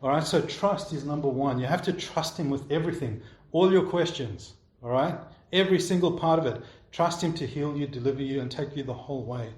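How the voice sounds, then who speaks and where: A man's voice: a little high, fairly quick, hardly any pauses, darkish tone. A man preaching a sermon, answering questions from the congregation in a conversational way and often checking in with his listeners. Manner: conversational, keeps checking in with "all right?". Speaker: pastor. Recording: roomy echo.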